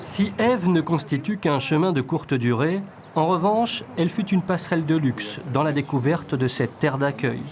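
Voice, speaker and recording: A man reading scripted documentary narration in a measured, smooth way. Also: a little high, lively intonation, a crowd in the background.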